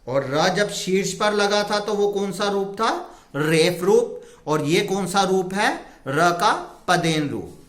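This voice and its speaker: A man's voice: high-pitched, slow pace, fairly bright tone, echoey room. A man teaching a grammar lesson, who asks his class questions and then answers them himself. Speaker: Hindi teacher. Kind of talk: slow explanatory lesson with rhetorical questions.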